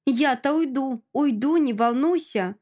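A woman's voice: unhurried, mellow. A woman voicing an envious, spiteful young woman who hisses and mocks her friend. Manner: hissing, shrill, mocking.

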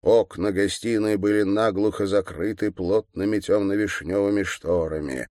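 A man reading an audiobook aloud in a theatrical, vividly expressive way. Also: low-pitched, no echo, studio quality. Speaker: audiobook narrator.

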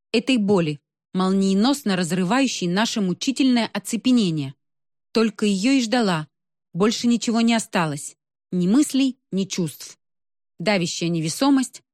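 A woman reading a first-person audiobook in a lively, expressive storytelling manner. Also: on the low side, no echo, clean studio sound. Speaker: audiobook narrator.

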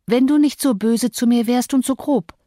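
A woman's voice: fairly high pitch, moderate pace, dark tone, dry recording, pitched above the performer's own voice, lightly acted. A woman reading an audiobook, voicing a proud, hurt young woman who pleads in tearful outbursts, in a dry recording. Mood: pleading. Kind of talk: audiobook character voice.

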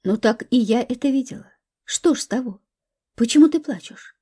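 A woman's voice: fairly high pitch, normal speed, warm tone, slightly rough. A woman voicing a caring, protective young woman in a storybook reading, speaking earnestly. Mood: concerned.

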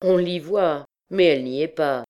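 Loud swearing captain voiced by a woman. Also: low-pitched, normal speed, dull audio, natural voice. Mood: boisterous. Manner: bellowing oaths, boisterous. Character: swaggering young male army captain, loud swearer.

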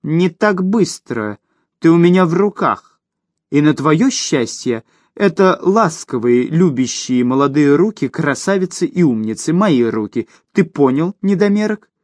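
A man's voice: a little high, expressive, a little slow, darkish tone, dry recording, clean studio sound. A man voicing a ruthless, domineering woman who mocks her partner in a cutting tone for an audiobook. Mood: mocking. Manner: sneering, cutting. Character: cold, mocking, domineering woman, ruthless schemer. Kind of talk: audiobook character voice.

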